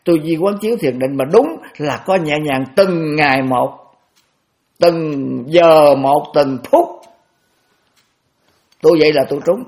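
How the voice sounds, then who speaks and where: A man's voice: a little high, slow, long pauses, a little mellow. A man in his eighties, a Buddhist monk giving a dharma talk, repeating phrases and restarting often with homely examples. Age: 80s.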